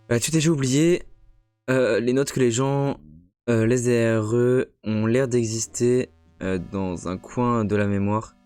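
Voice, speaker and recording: A man's voice: mid-range voice, a little mellow, no room sound. A young man casually commenting live as he plays a horror game, chatty and joking, reacting to the scares. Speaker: streamer playing a horror game.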